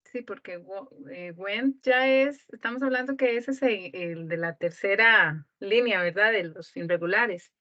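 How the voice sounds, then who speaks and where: A woman's voice: mid-range voice, measured pace, few pauses, dry recording. A woman student asking her teacher questions politely, hesitating and thinking aloud, in dull lo-fi audio.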